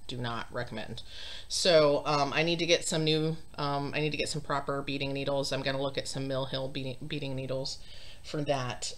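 A cross stitch vlogger in her thirties talks casually to camera from her home craft room, her bass voice steady and her pace moderate. Sounding congested, she rambles chattily, often saying um and laughing at herself.

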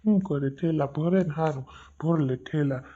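A stubborn old cartoon father, acted by a man who rambles and scolds. His voice is mellow and a little higher than usual, on a dull, lo-fi recording. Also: normal speed, husky. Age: older. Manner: rambling, chiding.

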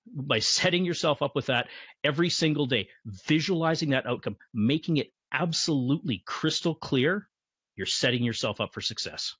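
A man's voice: medium pitch, moderate pace, a bit bright, husky, no echo. A man who is a guest in an interview, talking confidently about motivation and repeating his key phrases. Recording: dull, muffled lo-fi sound.

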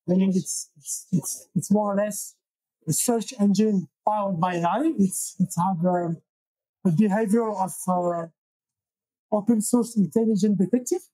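Husky high-voiced man from Belgium. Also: warm tone, no echo, rough recording. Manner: halting, many restarts and fillers. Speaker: guest, software engineer and founder. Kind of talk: casual interview. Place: small wood-paneled room, indoors. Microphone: lapel.

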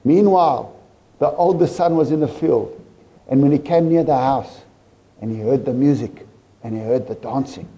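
A South African-accented preacher with a husky, medium-pitched voice delivers a lively sermon at a church service, speaking at normal speed. He keeps putting rhetorical questions to the congregation.

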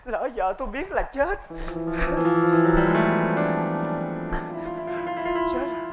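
A panicky, henpecked husband, played by a performer on a comedy stage who yelps and pleads in a high voice. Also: very animated, a little fast, loud music behind the voice. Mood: panicked. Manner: flustered, yelping, pleading.

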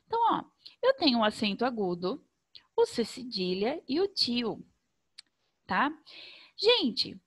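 Brazilian woman primary teacher, lively sing-song delivery, slightly high voice, slow careful wording for kids. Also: slightly rough. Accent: Brazilian Portuguese. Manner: sing-song, slow and over-articulated for children. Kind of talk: remote lesson for young children.

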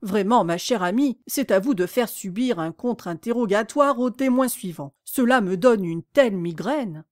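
A woman's voice: mid-range voice, lively intonation, normal speed, few pauses, dry recording, studio quality, close to an everyday voice. A woman voicing a fussy, weary old king presiding over a trial, giving pompous commands. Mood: complaining.

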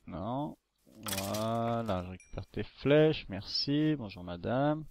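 A man's voice: on the low side, slow pace, vocal fry, darkish tone, a little hiss or hum. A man casually narrating a video game as he plays, chatty and rambling, coaxing the creatures on screen. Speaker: gaming YouTuber. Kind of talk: casual let's-play commentary. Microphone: desktop microphone.

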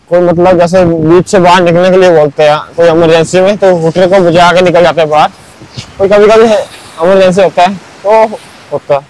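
On a rough recording, a young vlogger with a high-sitting, darkish voice gives a chatty sunrise beach walkthrough. He scatters filler words throughout and keeps saying "bhai" and "matlab".

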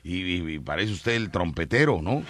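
A man's voice: sits low, expressive, normal speed, heavy background noise. A man with a Mexican accent hosting a comic radio show, joking and telling stories with many restarts. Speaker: radio host. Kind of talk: comic morning radio talk.

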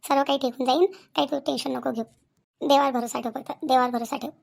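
Give me a woman playing a soothing mother, rough-edged and quick. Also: high-pitched. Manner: coaxing, gently lecturing. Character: soothing middle-aged mother giving advice. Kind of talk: cartoon voice acting.

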